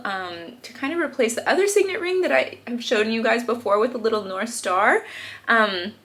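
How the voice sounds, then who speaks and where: A woman's voice: a little high, pushed and bright, echoey room. A young woman, chatting casually to camera at home with lots of "like"s and "um"s, often giggling. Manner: chatty, giggly, rambling with many "like"s and "um"s. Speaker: vlogger. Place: home kitchen.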